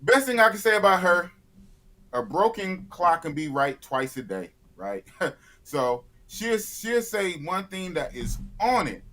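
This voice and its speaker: A man's voice: sits high, sing-song, measured pace, a bit bright. A man of fifty, a YouTuber guest in a casual live interview, blunt and opinionated, often repeating himself. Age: 50s.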